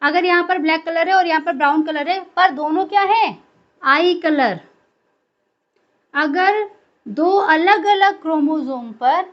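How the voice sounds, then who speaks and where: A woman's voice: extremely high pitch, lo-fi sound. A woman teaching a biology class in a lecture style, asking questions and answering them herself.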